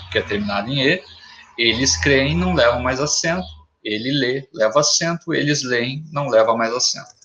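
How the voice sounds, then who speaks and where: A man gives a grammar lesson at a slow, deliberate pace. He sets out examples one word at a time, in a voice of ordinary middle pitch. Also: pushed and bright, a little hiss or hum. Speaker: teacher.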